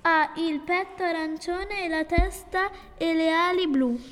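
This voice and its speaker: A woman's voice: very high-pitched, steady tone, measured pace, fairly bright tone, big-room sound. A young schoolgirl reading a prepared presentation about a bird. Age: child. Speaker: student presenter. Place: school room.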